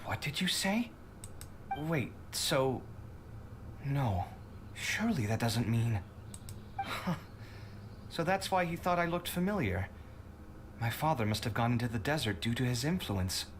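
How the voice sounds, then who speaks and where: An actor playing an outspoken, idealistic young male scholar in a video game, expressive and reproachful. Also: medium pitch, unhurried, pauses often, slight background noise. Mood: shaken. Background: game music.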